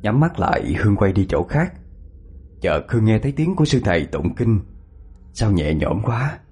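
A man narrating a ghost story in an expressive storytelling manner. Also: on the low side, moderate pace, slightly rough.

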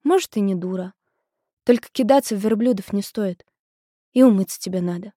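A woman reading an audiobook, voicing a calm, matter-of-fact teenage boy who likes to explain things. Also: medium pitch, fairly quick, dry recording, clean studio sound, close to an everyday voice. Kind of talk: audiobook character voice.

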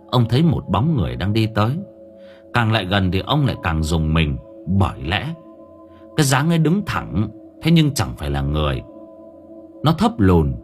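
A man narrating a ghost story in a dramatic storytelling manner. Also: lowish voice. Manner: dramatic, swings in tone. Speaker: audiobook narrator.

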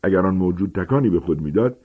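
Deep, husky storybook narrator. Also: male voice. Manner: dramatic, expressive reading. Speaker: audiobook narrator. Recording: tinny phone-like sound.

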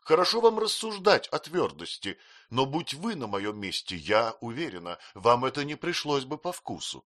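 A man voicing a young, timid wife who pleads in a high, plaintive voice, close to tears. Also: lively intonation, moderate pace, pushed and bright, no echo. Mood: pleading.

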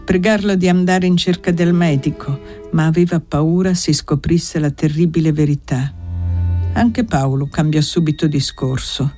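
An audiobook reader narrating a classic novel in a measured, even storytelling manner. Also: medium pitch, faint music behind. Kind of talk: literary narration read aloud.

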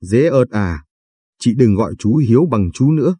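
A man voicing a mischievous teenage boy teasing his older sister in an audio story, playful and teasing, with a dark, husky voice. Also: mid-range voice, lively intonation, normal speed, dry recording. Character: cheeky teenage boy, mischievous little brother.

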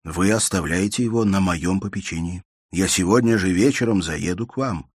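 An anxious young man from an audiobook, voiced by a male reader keeps offering earnest reassurance. The voice is low and husky. It sounds dry and close. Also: normal speed, dry recording. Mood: anxious reassuring. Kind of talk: audiobook character voice.

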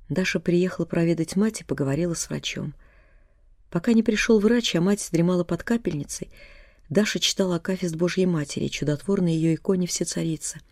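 An audiobook narrator giving a steady, even reading of a novel. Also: medium pitch, no echo, studio quality. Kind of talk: scripted narration.

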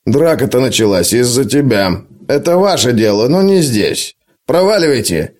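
A man's voice: mid-range voice, big pitch swings, normal speed, a little mellow, natural voice. A brusque tavern barman barks short orders, as a male audiobook reader voices him. His lines come clipped and commanding. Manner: curt, commanding.

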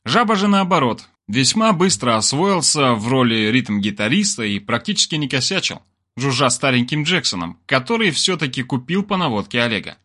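A man narrating a story in an expressive style, full of crude slang. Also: mid-range voice, normal speed.

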